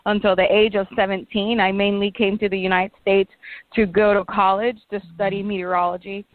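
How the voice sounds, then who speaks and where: A woman's voice: medium pitch, level tone, brisk, dry recording. A woman in her thirties from Panama with a Panamanian Spanish accent and Spanish as her first language. She is a meteorologist talking in a radio interview, friendly and chatty, with fillers and small laughs. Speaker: guest meteorologist. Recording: dry, tinny phone line.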